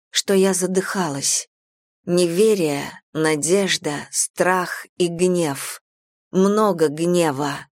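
A woman narrating a first-person audiobook in a measured, dramatic reading style on a close studio mic. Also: fairly low pitch, darkish tone, dry recording.

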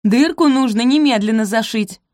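A woman's voice: fairly high pitch, expressive, normal speed, no echo, studio quality, pitched above the performer's own voice, lightly acted. A woman reading aloud and voicing a haughty, spoiled young lady who snaps and sneers. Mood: snappish. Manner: snapping, scornful.

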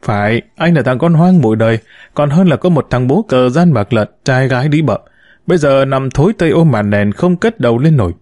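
A man's voice: medium pitch, animated, brisk, dry recording, clean studio sound, lightly acted. A man voicing a bitter, wounded middle-aged mother who reproaches and laments to her son in an audiobook story. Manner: reproachful, lamenting, sharp-tongued.

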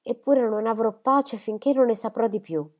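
A woman's voice: a little high, moderate pace, a little mellow, pitched above the performer's own voice, lightly acted. A woman voicing a grieving elderly country squire who is proud and impulsive, speaking with emotional outbursts. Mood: urgent. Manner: emotional, outbursts of grief and anger.

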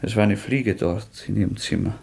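An actor playing a tormented young murderer in a radio drama, swinging between bitter mockery, feverish outbursts and hushed whispers, with a gravelly, husky voice. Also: male voice, on the low side, moderate pace, exaggerated voice.

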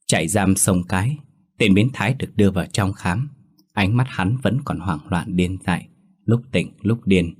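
A male storyteller reading a ghost story aloud in a steady, dramatic manner. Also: low-pitched, slightly rough. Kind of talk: scripted horror story narration.

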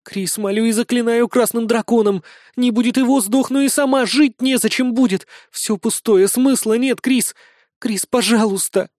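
A man voicing a desperate young woman who pleads for her lover, his voice pushed up high. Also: moderate pace, a little mellow, dry recording, clean studio sound. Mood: pleading.

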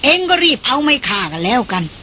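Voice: mid-range voice, sing-song, fast, bright, forceful tone, a little hiss or hum. A reader voicing a hot-tempered, bawdy old male jungle sidekick who bawls his lines in a raised voice, for an audiobook. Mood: gruff.

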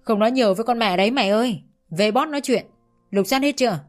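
A woman's voice: medium pitch, a little fast, faint music behind, natural voice. A woman voicing a harsh middle-aged male police officer with a gun, curt and threatening.

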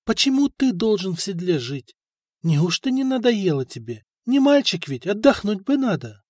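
A man reading an audiobook voices a young princess, pleading and tearful, who grows shrill with anger. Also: sing-song, normal speed, darkish tone, no echo, clean studio sound.

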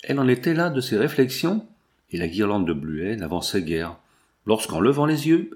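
A man reading a classic novel aloud as audiobook narration, in a measured, even storytelling manner. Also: mid-range voice. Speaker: audiobook reader.

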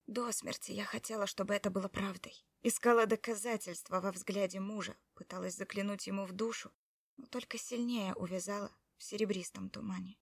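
A woman narrating a first-person audiobook, reading in an emotional, expressive way. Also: mid-range voice, a little fast, vocal fry, breathy edge, no echo, far from the mic.

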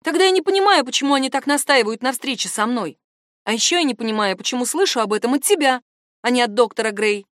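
A woman voicing a stubborn, sharp-tongued older woman who talks back defiantly in a raised voice. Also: a little high, expressive, fast talker, dry recording, clean studio sound, voice pushed up.

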